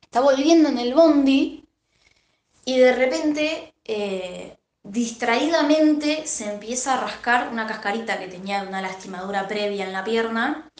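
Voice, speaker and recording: A woman with an Argentine Rioplatense accent, co-hosting a podcast and retelling a story in a casual, animated way. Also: on the high side, measured pace, roomy sound. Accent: Argentine Rioplatense Spanish. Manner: animated, acts out the characters' lines. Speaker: podcast co-host.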